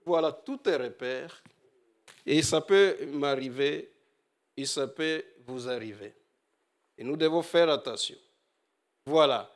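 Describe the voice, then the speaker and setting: A man preaching a sermon, animated, swinging from loud exhortation to quiet asides. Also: fairly high pitch, slow pace, long pauses.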